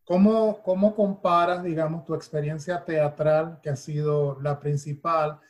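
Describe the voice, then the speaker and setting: Male podcast host, slightly high voice, halting questions. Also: steady tone, a loud crowd. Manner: searching, repeats words while forming questions. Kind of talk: interview questions.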